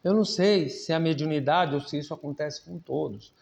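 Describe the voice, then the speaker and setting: A man's voice: fairly high pitch, brisk, gravelly, a little mellow. A man with a Brazilian Portuguese accent giving an earnest, conversational spiritist lecture at a public meeting, drawing on personal anecdotes.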